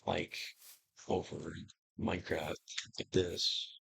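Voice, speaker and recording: A man's voice: low voice, level tone, slow pace, creaky, fairly bright tone, slightly rough, no echo, rough recording. A young man chatting casually and rambling over his gameplay, swearing now and then. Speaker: gaming YouTuber. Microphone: computer microphone.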